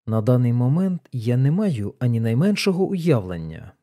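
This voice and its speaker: A man voicing a calm, composed male detective who speaks low and matter-of-fact. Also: moderate pace.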